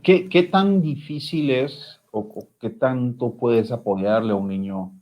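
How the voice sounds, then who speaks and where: A man's voice: mid-range voice, takes it slowly, darkish tone. A man hosting an interview, asking long, hesitant questions full of fillers. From Guatemala. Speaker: interviewer host.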